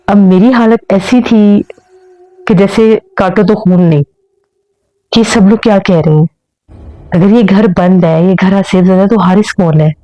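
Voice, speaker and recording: Mellow-voiced woman telling a ghost story. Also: medium pitch, no room sound, lo-fi sound. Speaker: horror story narrator. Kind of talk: first-person storytelling.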